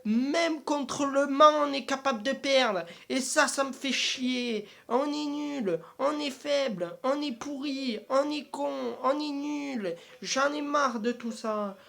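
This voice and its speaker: A woman's voice: high voice, slow pace, creaky, few pauses, a bit bright. A woman doing a comic, exasperated football rant, piling up repetitive slangy insults. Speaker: football fan vlogger. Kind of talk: comic angry match rant.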